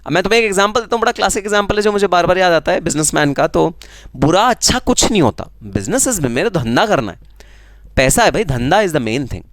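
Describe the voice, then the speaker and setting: A man's voice: high-pitched, animated, brisk, no echo. Teasing Indian man teaching tax. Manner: teasing, conversational, answers student comments. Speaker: GST teacher. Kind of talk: live online class lecture.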